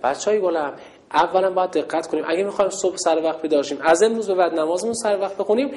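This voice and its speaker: A woman teaching girls a religious lesson, shouting call-and-response cues and giving cheerful praise. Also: fairly low pitch. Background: children's chatter.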